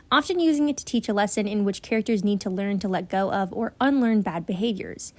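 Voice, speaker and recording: A woman's voice: fairly high pitch, dry recording. A woman narrating a scripted video essay in an earnest, explanatory way.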